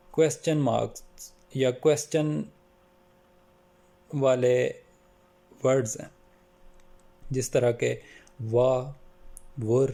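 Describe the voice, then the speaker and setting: A man giving a calm pronunciation lesson, slowing down to spell out example words. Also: medium pitch, creaky. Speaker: language teacher.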